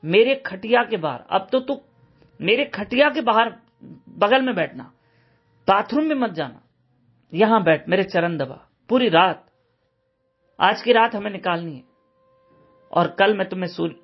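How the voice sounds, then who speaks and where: A man doing a calm, kindly old guru. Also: high-pitched, unhurried, long pauses, husky, highs cut off, faint music behind, heavily acted. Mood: reassuring. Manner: reassuring, gentle.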